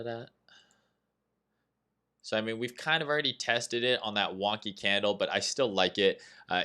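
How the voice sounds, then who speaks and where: A bright-voiced Canadian man talks trading as host of a casual market-commentary livestream. His voice is on the low side, clear and resonant. He chats loosely, reads chat aloud, and often says "uh" and "right?".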